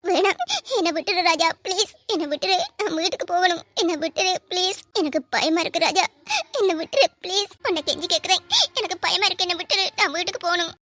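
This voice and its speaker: A brave young woman doctor from a cartoon, as a woman plays her, defiant in manner. Her voice is very high and fast. It sounds bright and tense. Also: no room sound. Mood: pleading. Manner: defiant, pleading. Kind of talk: cartoon voice acting.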